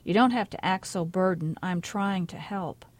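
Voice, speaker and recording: A woman's voice: fairly low pitch, moderate pace, natural voice. A woman voicing a weary stepfather who answers defensively in a subdued way. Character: defensive stepfather, man, tired of quarrels.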